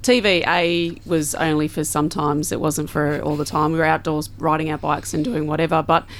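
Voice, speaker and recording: A woman's voice: deep voice, flat delivery, normal speed. A middle-aged Australian woman, a guest in a studio, reminiscing casually in an interview. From Central Coast, Australia. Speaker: guest, former netball player.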